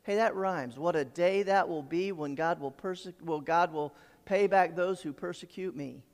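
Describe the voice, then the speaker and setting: A man's voice: a little high, moderate pace, big-room sound. A man preaching a sermon, explaining scripture in an earnest way with light asides. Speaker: pastor.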